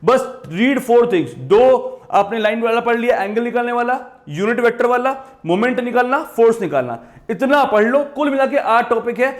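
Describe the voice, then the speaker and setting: High-pitched guy teaching exam maths, punchy and repetitive, bits. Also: animated, normal speed, few pauses. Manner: emphatic, repetitive, addresses students directly. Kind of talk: exam-prep lesson.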